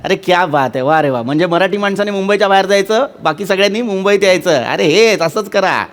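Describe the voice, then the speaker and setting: A man's voice: sits high, animated, fast talker. A man acting in a Marathi stage comedy sketch, speaking in a whiny, pleading way and repeating "baba". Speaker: comic actor in a sketch. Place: television studio stage.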